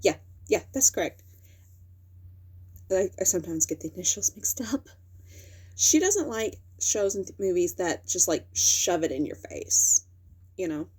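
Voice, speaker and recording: Unhurried and pausing at length, a young woman hosts a casual commentary video, rambling, correcting herself and using plenty of fillers. Her voice is on the low side, a little mellow and slightly rough, with big pitch swings.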